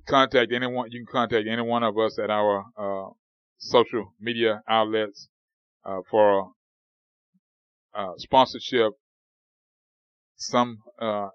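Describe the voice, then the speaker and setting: Smooth-voiced man, rambling sports talk. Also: fairly low pitch, no echo, lo-fi sound. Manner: rambling, many fillers and restarts. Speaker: podcast co-host. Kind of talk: casual sports podcast chat.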